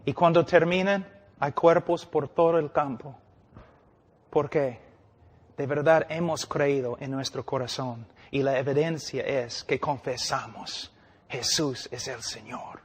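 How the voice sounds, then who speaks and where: A man preaching a sermon, emphatic and full of rhetorical questions, his voice swinging between loud and hushed. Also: a little high, measured pace. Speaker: pastor and missionary preacher. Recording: long reverb of a large hall.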